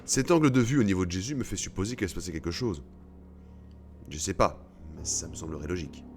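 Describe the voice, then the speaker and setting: A man with an extremely deep voice talks through a horror game in a loose, joking commentary, swearing now and then at his mistakes. Faint game music plays underneath. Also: quick pace. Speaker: let's play gamer. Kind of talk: casual gameplay commentary.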